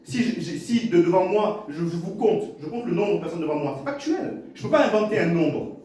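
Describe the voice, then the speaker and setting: A man's voice: sits high, lively intonation, brisk, darkish tone, slight background noise. A man preaching a sermon as pastor, repeating his phrases and stammering now and then. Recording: echoey hall from a distance.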